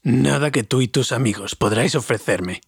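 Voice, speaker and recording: Man doing a furious dwarf king, low and slow, husky, dry close sound, storybook reading. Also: no room sound. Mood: haughty. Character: proud angry dwarf king, older male.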